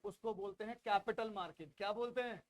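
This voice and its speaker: A man from India with an Indian accent teaching a class, drilling students loudly and repeating questions for them to answer back. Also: high-pitched, fairly quick, a little hiss or hum. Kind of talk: classroom lecture with call-and-response drilling.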